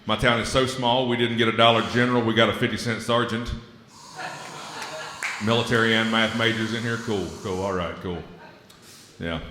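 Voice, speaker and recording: A man with a West Virginia Appalachian accent doing a stand-up comedy set on a club stage, drawling and self-deprecating with deadpan asides. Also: on the low side, normal speed, pauses often, background noise. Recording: roomy hall, reverb.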